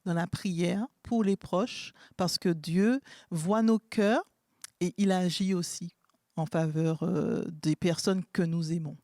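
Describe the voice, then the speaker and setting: A woman guest sharing a testimony about prayer in an earnest, steady way. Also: on the low side, slow, no echo, clean studio sound.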